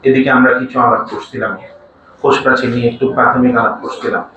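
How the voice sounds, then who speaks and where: A man's voice: medium pitch, level tone, fast. A man teaching a biology class, often asking his students to repeat answers back to him. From Bangladesh. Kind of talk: classroom lecture. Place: large classroom. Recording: echoey room from far off, noisy.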